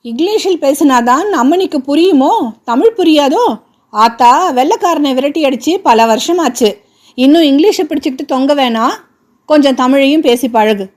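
Woman voicing hot-tempered young man for a storybook reading, barks and scolds quickly, high voice. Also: expressive. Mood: scolding. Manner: shouting, scolding, fast and brusque. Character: angry domineering young man, a car driver.

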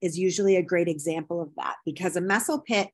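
A woman's voice: on the low side, fast talker, darkish tone. A woman giving a recorded anthropology lecture over slides, explaining step by step with many ums and a habitual "right?". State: has the hiccups.

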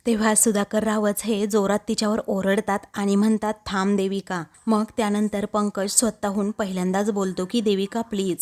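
A woman narrating a TV serial episode recap in a lively storytelling way, with conversational asides. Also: mid-range voice, moderate pace, hardly any pauses.

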